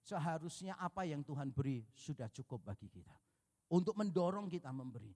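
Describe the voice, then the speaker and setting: A man from Indonesia preaches from the pulpit in a high voice, slipping into short acted exchanges and jokes with his congregation. The sound carries a long reverb from the church hall around him. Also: animated, fairly quick, warm tone. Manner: storytelling, acts out dialogue, jokes with congregation. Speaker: pastor. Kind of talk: sermon.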